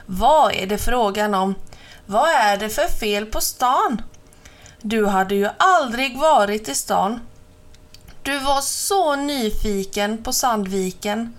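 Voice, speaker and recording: A woman voicing an anxious, excitable male crow in a storybook reading. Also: a little high, natural voice. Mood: worried, excitable. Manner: worried, excitable.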